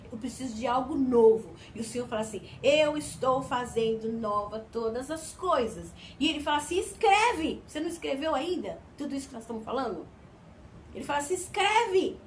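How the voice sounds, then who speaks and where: A woman's voice: high-pitched, a bit bright, slight background noise. A Brazilian woman preaching a fervent sermon, often calling out "Amém?" to her listeners. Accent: Brazilian Portuguese.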